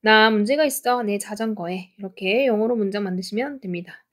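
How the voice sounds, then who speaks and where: A woman teaching an English lesson in Korean, patiently explaining pronunciation and repeating example sentences slowly. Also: mid-range voice, fairly bright tone.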